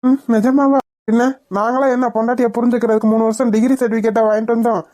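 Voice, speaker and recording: Woman doing a cartoon big brother, bossy and jokey, highish mellow voice. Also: little pitch movement, fast talker, lightly acted. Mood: teasing. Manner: bossy, joking, lecturing. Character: teasing married older brother, man. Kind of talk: cartoon voice acting.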